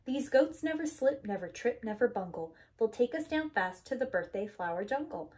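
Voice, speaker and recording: With a fairly high but darkish voice, a woman gives an expressive reading of a rhyming children's tale at a moderate pace, playing it up theatrically like a preschool teacher.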